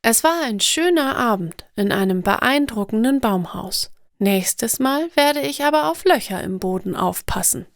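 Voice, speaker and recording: A woman narrating stories for language learners in a slow, clear, deliberate scripted reading. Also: fairly high pitch, expressive, no room sound, clean studio sound.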